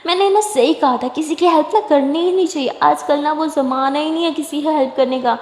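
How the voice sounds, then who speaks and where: Teasing young woman played by a female narrator in a spoken love story, high voice, echoey room. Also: a little mellow, natural voice. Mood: sassy. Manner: teasing, sassy. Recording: echoey room with long reverb.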